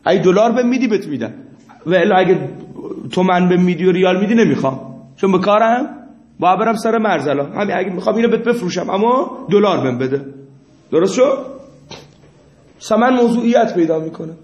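A man's voice: high voice, animated, a little mellow. A man teaching a class, explaining through examples and putting questions to his students. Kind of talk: classroom lecture. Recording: echoey room, muffled lo-fi sound.

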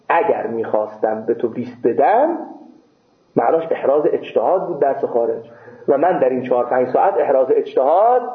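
A man, a seminary scholar, telling a lively story about his exam in a casual interview and acting out the dialogue. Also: medium pitch. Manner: lively retelling with quoted back-and-forth dialogue. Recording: tinny phone-like sound, echoey room.

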